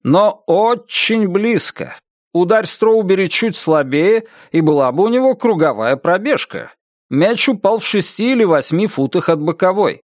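A man voicing a male radio baseball commentator calling the play in quick patter in an audiobook. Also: sits high, animated, dry recording, studio quality, voice pushed up. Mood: measured.

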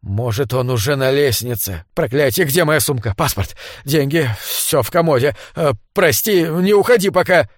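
A man voicing a hunted Englishman, hoarse and shrill, frantic and on the edge of hysteria, in a read-aloud story. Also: moderate pace, dry recording, studio quality, lightly acted. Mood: frantic panic. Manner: frantic, cursing. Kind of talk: audiobook character voice.

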